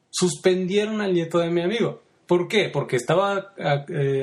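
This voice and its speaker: Chatty man hosting a motivational podcast. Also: on the high side. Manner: conversational, frequent rhetorical "¿no?" tags; storytelling with quick voiced asides. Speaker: podcast host.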